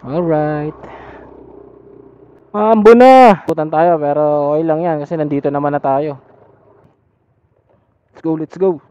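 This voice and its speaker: Unhurried and smooth, this Manila-accented Filipino man's mellow, higher voice drifts through casual vlog chat with long pauses as he rides his motorcycle on city streets. A helmet intercom feeding an action camera captures him, muffled, amid traffic and faint vehicle and street sounds.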